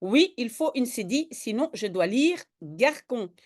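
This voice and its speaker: A woman's voice: a little high, animated, normal speed, a little mellow. A woman tutoring a student in French spelling, patiently explaining each word step by step. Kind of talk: one-on-one spelling lesson.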